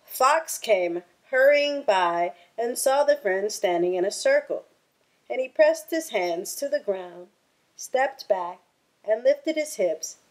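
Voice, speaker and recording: A woman reads a children's picture book aloud, taking a deliberate, expressive storytelling approach. Her voice sits in the mid range.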